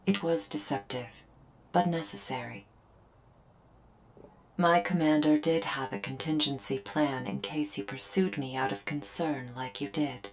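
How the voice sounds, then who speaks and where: In a roleplay audio drama, a woman plays a solemn alien invader soldier, explaining things in stilted, formal, literal, earnest speech. Her low-pitched voice moves at a measured pace. Background music plays, with a little hiss or hum.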